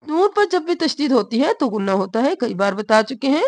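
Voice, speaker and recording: A woman teaches Quran recitation, chanting verses in long, drawn-out tones, then breaking into quick spoken asides on pronunciation. Her voice is on the high side with big pitch swings, and the recording is dry.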